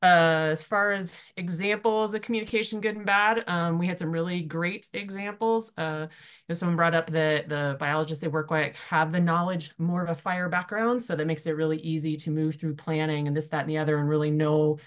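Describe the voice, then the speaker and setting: Woman reporting back from a breakout session, quick and casual, low voice, many fillers. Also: fairly even intonation. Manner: fast-talking, informal, many fillers. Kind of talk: online workshop report-out. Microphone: video call.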